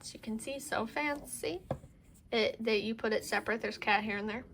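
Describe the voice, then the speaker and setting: Speaking quickly in a medium-pitched, slightly bright voice with little pitch movement, this woman gushes and rambles through a show-and-tell of her tarot cards on camera, saying "like" again and again. Strong wind blows throughout, giving the audio a windy, outdoor-like noise.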